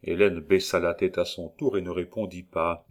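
A man reading a classic novel aloud, narrating in a measured, expressive way. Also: low-pitched. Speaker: audiobook reader.

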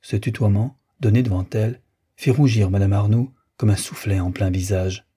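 Male audiobook narrator; measured literary reading, husky, breathy voice. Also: fairly low pitch, fairly even intonation, dark tone.

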